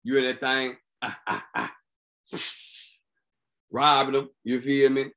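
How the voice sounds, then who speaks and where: A man's voice: medium pitch, slow. A man hosting a podcast, riffing on news stories in a casual, comedic, slangy way and constantly checking in with the listener. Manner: animated, slangy, keeps asking "you feel me". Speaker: podcast host.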